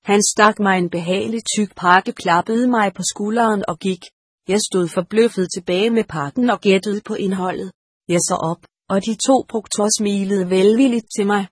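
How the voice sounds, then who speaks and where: Breathy woman narrating an audiobook. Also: medium pitch, no room sound, studio quality. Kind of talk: first-person audiobook narration.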